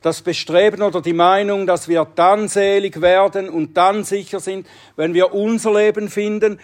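A man preaching a sermon in an earnest, emphatic way, often dropping to a hushed tone to stress a point. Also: high-pitched, steady tone, normal speed. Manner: earnest, emphatic delivery with dramatic drops to a hush.

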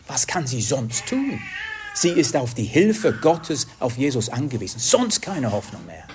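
A man's voice: medium pitch, slight background noise. A man preaching a sermon in an earnest way, sometimes hunting for the right word. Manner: slow, earnest, searching for words at times.

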